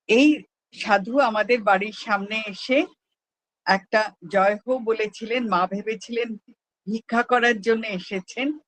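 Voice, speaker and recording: A person reads a personal memoir aloud at a prayer gathering, telling it slowly and evenly. The voice sits in a plain middle register, neither high nor low, and the delivery stays measured throughout. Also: a bit bright, no echo, poor audio.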